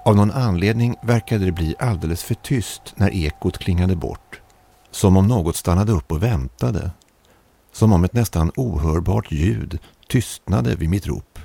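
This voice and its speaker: Deep-voiced man narrating an eerie story. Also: creaky, breathy edge. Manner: measured, calm storytelling.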